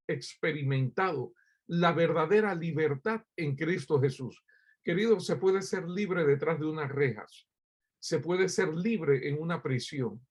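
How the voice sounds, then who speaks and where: A man's voice: fairly high pitch, husky. A man from Cuba preaching a sermon as pastor, addressing listeners directly with rhetorical questions and frequent hesitant fillers.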